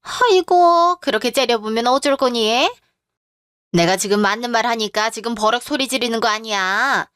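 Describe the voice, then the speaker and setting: A woman voicing a domineering, sharp-tongued older mother-in-law in a radio drama, with a scolding manner. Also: on the high side, normal speed, clear, resonant tone, dry recording, clean studio sound, close to an everyday voice. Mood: contemptuous.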